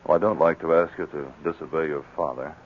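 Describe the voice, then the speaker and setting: Sergeant Preston, deep-voiced radio lawman. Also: fairly even intonation, fast talker, a little hiss or hum. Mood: reassuring, firm. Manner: authoritative, questioning, emphatic. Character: firm, probing, fair-minded police sergeant of the northern wilderness. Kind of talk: 1940s radio acting. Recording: muffled, worn 1940s radio recording.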